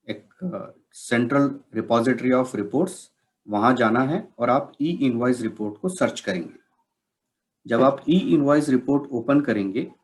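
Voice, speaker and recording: In a mid-range voice, a man narrates an instructional software demo, walking through it step by step and mixing in English technical terms.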